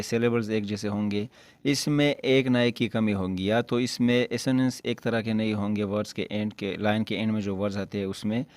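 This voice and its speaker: A man's voice: lowish voice, darkish tone, no room sound. A man teaching as an English lecturer, explaining step by step, often rephrasing his points and correcting himself mid-word. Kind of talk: explanatory lecture in Urdu-Hindi mixed with English.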